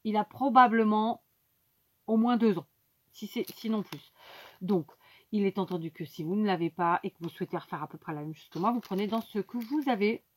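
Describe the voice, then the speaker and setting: A woman's voice: mid-range voice, fairly quick, darkish tone, breathy edge. A woman hosting a casual craft tutorial, explaining each step to her viewers with many fillers and asides. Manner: talks directly to viewers.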